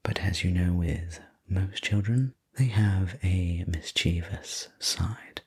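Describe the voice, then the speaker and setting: Male sleep story narrator for ASMR role-play: courteous manor servant, very breathy, unhurried and soothing. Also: deep voice. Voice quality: breathy, unvoiced soft voice.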